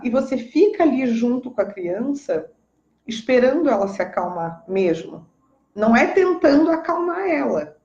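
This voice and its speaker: A woman's voice: on the high side, a little mellow, echoey room, muffled recording. A woman with a Brazilian Portuguese accent, a parenting educator giving casual, emphatic advice and often checking in with her listeners.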